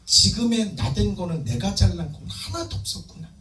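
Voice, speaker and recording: Male pastor preaching hard, really high voice that swoops around, echoey church, mic kinda far off. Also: very animated, moderate pace, a bit bright. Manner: fervent, emphatic preaching. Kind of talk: sermon. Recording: echoey room, distant mic, faint music.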